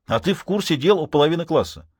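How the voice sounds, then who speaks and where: A man's voice: on the high side, lively intonation, quick pace, darkish tone, breathy edge, dry recording, pitched above the performer's own voice. A man voicing a cheerful teenage schoolboy who banters with mock enthusiasm, in an audiobook recorded in a dry, close space. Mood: joking.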